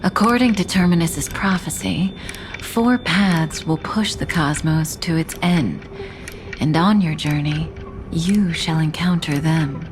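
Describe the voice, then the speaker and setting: A woman voicing an enigmatic, composed seer in a video game, speaking solemnly and softly, with some words breathed out in a whisper. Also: sits low, slow, background noise. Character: enigmatic, composed female seer giving gentle guidance. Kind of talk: scripted game character acting.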